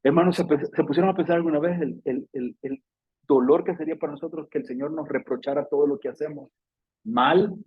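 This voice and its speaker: A man's voice: a little fast, slightly rough, phone-quality sound. A male pastor with a Salvadoran Spanish accent preaching a fervent, emotional sermon in a church, acting out quotes with sudden exclamations. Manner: animated, acts out scripture quotes with sudden high-pitched exclamations.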